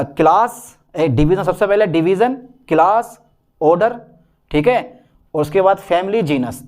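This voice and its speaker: A man's voice: fairly high pitch, darkish tone. A male botany teacher giving an online exam-prep lesson, repeating key points and reassuring his students.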